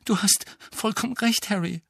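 A man's voice: sits high, moderate pace, vocal fry, fairly bright tone, breathy edge, no room sound, studio quality, voice pushed up, heavily acted. A man voicing an anxious teenage girl witch in a storybook reading, hasty and apologetic.

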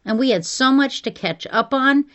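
A woman's voice: high-pitched, animated, moderate pace, a bit bright. A middle-aged woman hosting a podcast, telling a scripted personal story. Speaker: podcast host.

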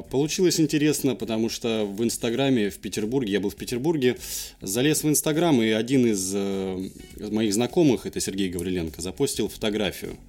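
A man's voice: fairly low pitch, a little mellow. A young man, a TV journalist, answering as an interview guest in casual conversational storytelling. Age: young adult.

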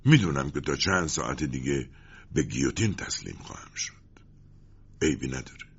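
Guy doing a proud condemned nobleman, low husky voice, scornful, dull lo-fi audio. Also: lively intonation, full character voice. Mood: resigned. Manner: defiant, scornful.

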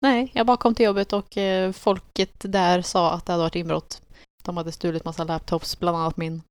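A young woman co-hosting a casual chat podcast, telling her story in a matter-of-fact way with small pauses and dry laughs. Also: on the low side, little pitch movement, clear, resonant tone, dry recording. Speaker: podcast co-host.

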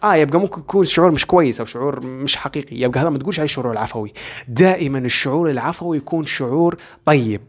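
A man with a Libyan Arabic accent, hosting a self-development podcast and explaining ideas in rapid, repetitive lists. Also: mid-range voice. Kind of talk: motivational talk.

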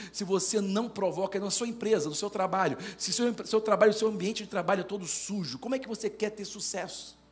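A man's voice: high voice, darkish tone. A man preaching a sermon, firing rhetorical questions at the congregation and rising to emphatic declarations.

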